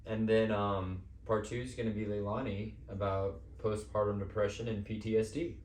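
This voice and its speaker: A man hosting a podcast, talking casually and personally in an informal, somewhat halting way. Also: on the low side, level tone, darkish tone, slight background noise. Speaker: podcast host. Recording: echoey room.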